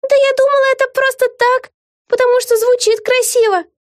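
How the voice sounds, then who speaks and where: A woman voicing a startled, frantic young witch who exclaims in a high, shrill voice. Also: a little slow, a little mellow, no room sound, clean studio sound. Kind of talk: audiobook character voice.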